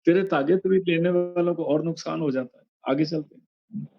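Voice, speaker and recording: An older man with a Punjabi accent explaining sacred verses word by word, slowing down to recite the lines and repeating his warnings. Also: fairly high pitch, vocal fry. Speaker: satsang speaker explaining verses. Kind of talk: spoken sermon commentary. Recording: dull lo-fi recording.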